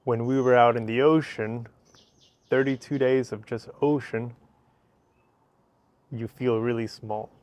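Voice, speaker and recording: On a covered outdoor patio by a fireplace, a guest in a casual interview replies in short, simple sentences. He is a man in his thirties from Ecuador, a native Spanish speaker with an Ecuadorian Spanish accent, whose medium-pitched, darkish voice keeps fairly even intonation at a measured pace with frequent pauses.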